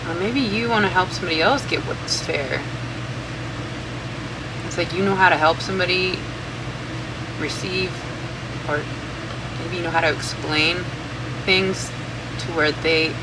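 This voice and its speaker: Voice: medium pitch, unhurried, pauses often. An informal tarot reader who rambles and thinks aloud, swearing casually, with a fan running in the room. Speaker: tarot reader, channel host. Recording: steady fan noise throughout.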